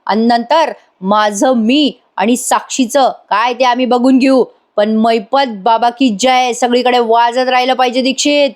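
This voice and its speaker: A woman's voice: on the high side, fairly even intonation, unhurried, few pauses, voice pushed up, close to an everyday voice. Brief: a raging, scheming male crime boss, raised and threatening , as a woman narrator voices him. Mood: angry. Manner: shouting, threatening. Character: angry scheming older male gang boss.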